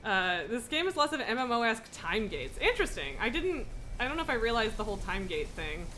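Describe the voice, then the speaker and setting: Bright-voiced, rambling woman streamer. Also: a little high, very animated, fairly quick, slight background noise. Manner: rambling, thinking aloud, jumping between thoughts; self-mocking, giggly, informal. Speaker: video game streamer, host. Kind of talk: casual gameplay livestream chat.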